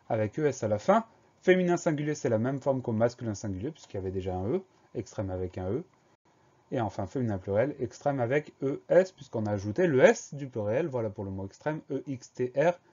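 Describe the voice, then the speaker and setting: A man teaching a dictation lesson, slowly and methodically spelling each word letter by letter. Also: medium pitch, dark tone, highs cut off.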